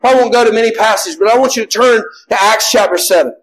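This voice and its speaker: High-voiced impassioned male preacher. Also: quick pace, low-quality recording. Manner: impassioned, often rising to a shout, with many restarts. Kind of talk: sermon with personal testimony.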